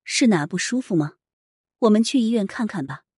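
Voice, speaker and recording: A woman voicing a caring husband who talks softly and soothingly in a read-aloud story, in a husky voice. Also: medium pitch, lively intonation, normal speed, dry recording, studio quality. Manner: soft, soothing. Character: caring young husband, gentle and worried.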